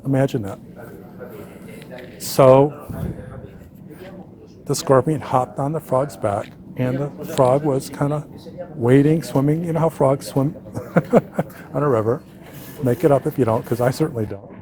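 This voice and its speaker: A therapist telling a client story and a fable in a conversational, animated way. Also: male voice, medium pitch, measured pace, pauses often. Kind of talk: storytelling to an audience.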